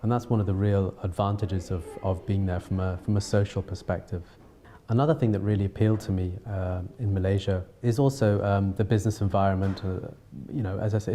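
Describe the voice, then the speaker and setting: A man from south-east England with a Home Counties accent, giving an unscripted account as an interviewee in a measured, hesitant way with frequent pauses and repeats. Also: low voice, dark tone. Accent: Home Counties English. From south-east England, London and Surrey. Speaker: interviewee, television producer and filmmaker. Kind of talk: unscripted talking-to-camera account.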